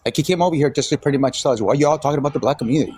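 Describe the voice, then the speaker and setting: A man's voice: mid-range voice, racing, darkish tone, slightly rough. A man co-hosting a live online discussion, arguing back hard and cutting in again and again. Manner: argumentative, cuts in with "first of all". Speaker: co-host of a live panel.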